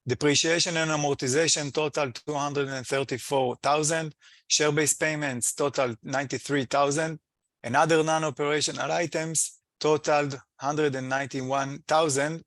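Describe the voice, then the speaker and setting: With a voice on the high side, a man presents financial results as an executive on an earnings call. He's halting and hesitant, his phrasing slightly non-native, his intonation fairly even and tone fairly bright, with no room sound.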